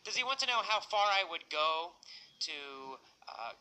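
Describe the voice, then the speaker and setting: A man's voice: high-pitched, very animated, measured pace, bright, forceful tone, clean tone, rough recording. A man teaching English through a simple story, speaking patiently and repeating with easy questions. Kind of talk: story-based language lesson.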